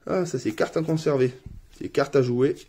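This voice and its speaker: Relaxed French man unboxing a game. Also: mid-range voice, normal speed, breathy edge. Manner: relaxed, laughs at his own English accent. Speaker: board game reviewer. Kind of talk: casual unboxing chat.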